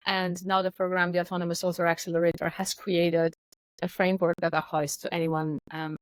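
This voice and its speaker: Lower-voiced woman. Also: little pitch movement, brisk, no echo, low-quality recording. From Iran. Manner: articulate, assured explanations. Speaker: guest. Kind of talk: podcast interview.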